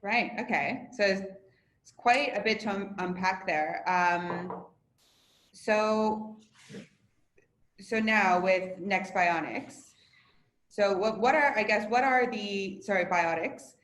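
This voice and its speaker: A woman's voice: medium pitch, takes it slowly, long pauses, a bit bright. A woman hosting an interview, asking questions in a hesitant, hedging way with many fillers. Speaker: host, interviewer. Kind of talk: online Q&A interview. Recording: echoey room with faint noise.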